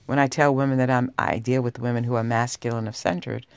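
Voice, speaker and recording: A woman hosting a personal podcast, talking straight to listeners in an unhurried, sultry, intimate low voice. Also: steady tone, vocal fry, clear, resonant tone, no echo. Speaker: podcast host. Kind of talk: personal talk podcast monologue.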